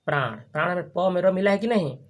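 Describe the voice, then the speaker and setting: A teacher giving a grammar lesson to a class, repeating each term and asking quick questions for the students to answer back. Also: medium pitch, lively intonation. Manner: frequent restarts and checking questions. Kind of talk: classroom lesson with call-and-response.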